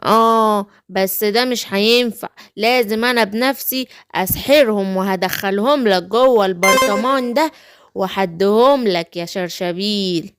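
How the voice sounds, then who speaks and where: A woman's voice: medium pitch, normal speed, smooth, no room sound, lightly acted. A woman with an Egyptian accent voicing a wicked, scheming witch in a home-made children's story play. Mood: sly. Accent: Egyptian Arabic.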